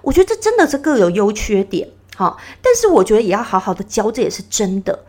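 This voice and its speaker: Lively woman podcast host sharing advice. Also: mid-range voice, fast talker. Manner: earnest, advising, animated retellings. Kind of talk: casual reflective monologue.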